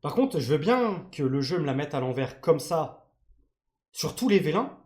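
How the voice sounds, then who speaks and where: A man's voice: a little high, big pitch swings, moderate pace, darkish tone. A man from France streaming a game live, chatting with his viewers in slangy, joking banter. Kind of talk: live-stream gaming commentary.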